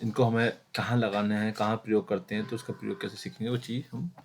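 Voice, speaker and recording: A man's voice: on the low side, flat delivery, quick pace, a little hiss or hum. A man teaching an exam-prep Hindi grammar lesson, explaining step by step with many fillers and self-corrections, and speaking directly to his students. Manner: addresses students directly, repeating key points.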